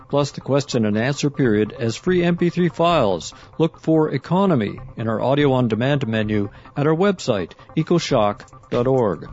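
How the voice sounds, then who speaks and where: A man hosting a radio show, introducing a speaker and closing the episode in a calm, measured voice. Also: mid-range voice. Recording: slightly muffled radio audio.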